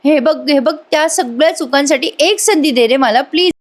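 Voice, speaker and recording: A woman voicing a scheming young wife who pleads in a high, whiny tone. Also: moderate pace, natural voice. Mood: pleading.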